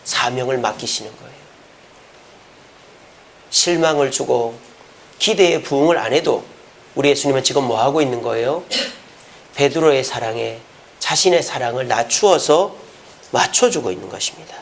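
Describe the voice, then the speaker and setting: A male pastor preaching a sermon, telling the story in an animated way and acting out the dialogue. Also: medium pitch, normal speed, vocal fry, pauses often, slight background noise.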